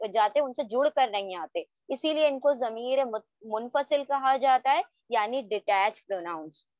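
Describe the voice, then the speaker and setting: A woman's voice: high-pitched, dry recording. A woman teaching an Arabic grammar lesson, patiently drilling word tables aloud for students to repeat and often checking that they follow. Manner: checks understanding with frequent rhetorical questions. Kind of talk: online language lesson. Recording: dull, lo-fi dry recording.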